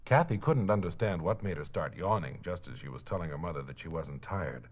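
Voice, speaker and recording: A man narrating a children's story in a gentle, playful storytelling manner on an old mono record. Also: deep voice, lively intonation, brisk.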